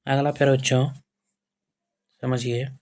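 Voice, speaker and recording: Man, tutor type, even, flat delivery, drills definitions by repeating them. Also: medium pitch, measured pace. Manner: repetitive, keeps addressing students fondly and checking with "okay"; asks questions and answers them himself. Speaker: teacher. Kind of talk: board-exam grammar lesson.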